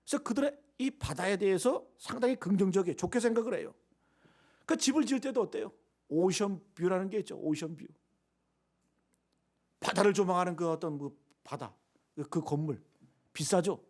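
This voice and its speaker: A man preaching a Sunday sermon as pastor, emphatic and full of rhetorical questions to the congregation, swinging between loud stresses and hushed asides. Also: high-pitched, expressive, normal speed, pauses often.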